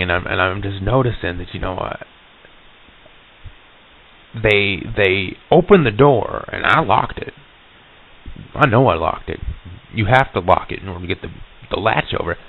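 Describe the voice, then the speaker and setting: A man with a deep, gravelly voice tells a spooky personal story. He rambles folksily, swears, and restarts his sentences often. The sound is thin and phone-like, from an old reel-to-reel tape. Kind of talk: telling a personal ghost story.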